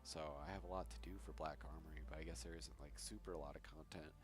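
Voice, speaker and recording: Man, very low voice, rambling casual gaming commentary, cheap mic, loud music behind. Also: steady tone, fast. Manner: rambling, hesitant. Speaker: gaming video creator. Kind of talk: casual game progress commentary. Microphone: cheap temporary microphone.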